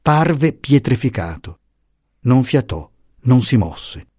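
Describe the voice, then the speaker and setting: A man narrating an audiobook chapter with expressive, dramatic storytelling. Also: medium pitch, slow, breathy edge, no room sound, clean studio sound.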